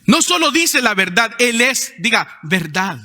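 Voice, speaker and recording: A man preaching a sermon as pastor, emphatic, with sudden rises in pitch and loudness. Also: very animated, unhurried. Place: church hall. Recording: long hall reverb.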